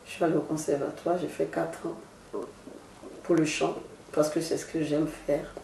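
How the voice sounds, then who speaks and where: A woman's voice: low voice, flat delivery, gravelly, dark tone, roomy sound, a little hiss or hum. A singer, giving a solemn, devotional testimony in an interview at her home. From Côte d'Ivoire. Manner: slow, solemn, devotional phrasing. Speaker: gospel singer, interview guest.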